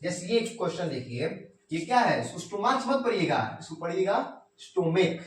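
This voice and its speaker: ऊँची आवाज़ वाले हिंदी शिक्षक. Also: male voice, high voice, sing-song, husky. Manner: repeats "ठीक है" often, dictates rules slowly. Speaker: English grammar teacher. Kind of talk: classroom-style grammar lesson.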